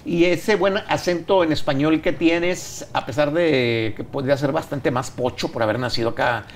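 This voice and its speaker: Middle-aged male host, slightly high voice, loose joking delivery, desk mic, office set. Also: normal speed, a little hiss or hum. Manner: relaxed, joking, slangy. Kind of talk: casual interview. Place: office studio. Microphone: desk mic on stand.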